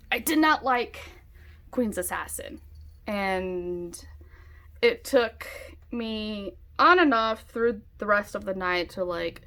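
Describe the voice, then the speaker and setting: A woman's voice: a little high, fairly bright tone. A woman chats loosely about what she is reading. Her talk wanders and is full of fillers like "like" and "um.". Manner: chatty, rambling, many fillers like "like" and "um". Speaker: book vlogger. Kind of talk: casual chat. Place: home, with a dog nearby.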